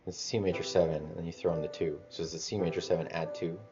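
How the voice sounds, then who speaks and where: A man rambling in a casual monologue about music theory, halting and restarting as he thinks aloud. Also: deep voice, little pitch movement, highs cut off. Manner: musing, halting, many restarts and swearing.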